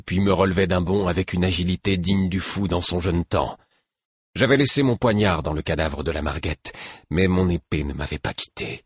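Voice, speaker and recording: A man narrating a first-person adventure audiobook in a measured, gravely intense reading voice. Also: deep voice, no room sound, studio quality.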